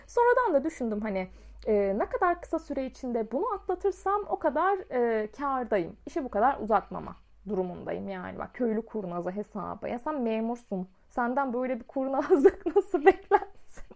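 A woman with a high voice tells a story in a casual vlog. She is a teacher and talks in a chatty, self-mocking way. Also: very animated, normal speed, gravelly.

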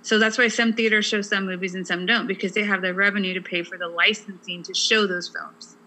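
A woman's voice: mid-range voice, fairly even intonation, fairly quick, bright, forceful tone, poor audio. A woman co-hosting a casual podcast, explaining at length in a chatty way with lots of fillers. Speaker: podcast co-host. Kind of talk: casual chat.

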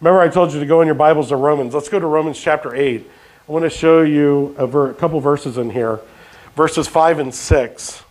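A man's voice: a little high, brisk, darkish tone. A pastor preaching a sermon, questioning his congregation and dropping jokey asides. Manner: call-and-response questions to the congregation.

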